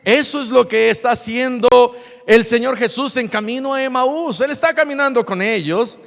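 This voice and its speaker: Animated high-voiced preacher in echoing hall. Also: male voice, normal speed, vocal fry. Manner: animated preaching, acts out dialogue. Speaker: pastor. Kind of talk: sermon. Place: church.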